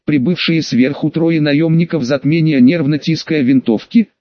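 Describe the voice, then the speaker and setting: A man narrating an audiobook in a wry, brisk storytelling manner. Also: on the high side, no echo. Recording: dull dry studio recording.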